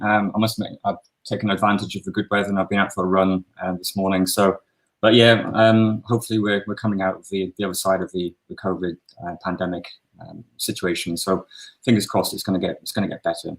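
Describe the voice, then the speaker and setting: A man from Newcastle upon Tyne with a faint Geordie accent, a local councillor talking over a video call, halting with many fillers and restarts. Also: low-pitched, steady tone, poor audio. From Newcastle upon Tyne, England.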